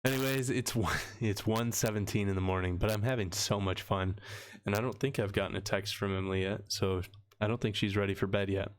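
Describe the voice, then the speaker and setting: A man's voice: on the low side, steady tone, a little fast. A young man hosting a late-night livestream from a room full of books, rambling easily and laughing often. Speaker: livestream host. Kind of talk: casual livestream chat. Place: home room with shelves of books.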